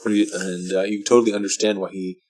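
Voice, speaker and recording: A drunk man giving casual, rambling movie commentary, halting and meandering, often trailing off mid-thought. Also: low voice, little pitch movement, a little mellow. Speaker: vlogger reviewing a film.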